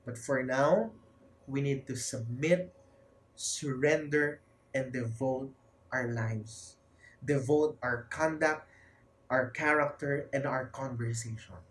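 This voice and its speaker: Speaking at a slow pace with a medium-pitched voice, a preacher with a Filipino accent delivers an emphatic sermon. Key phrases come back again and again, and his lines alternate between loud fervor and quiet moments.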